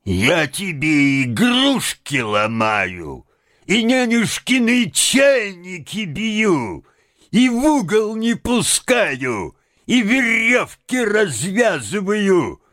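Squeaky little house spirit. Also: male voice, huge pitch swings, drawn-out words, a bit bright, heavily acted. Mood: indignant. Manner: squeaky falsetto jumping to a deep bass.

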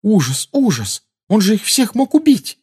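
Frightened teenage girl witch, voiced by a man, high-pitched, pleading, breathless, audiobook. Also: a little slow, breathy edge, full character voice. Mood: distressed. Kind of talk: audiobook character reading.

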